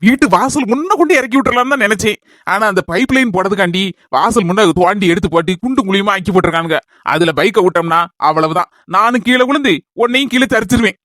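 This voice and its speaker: A woman's voice: medium pitch, fast talker, fairly bright tone, dry recording, clean studio sound, close to an everyday voice. A woman with a Kanyakumari Tamil accent, playing a smitten middle-aged husband who fusses over his young girlfriend in a soothing tone. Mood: doting. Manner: fussing, soothing explanation.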